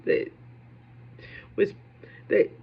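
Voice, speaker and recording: A woman hosting a poetry video talks to viewers with a creaky voice and a lingering cold, rambling in a casual, self-deprecating way at an extremely slow pace. The audio is dull and lo-fi.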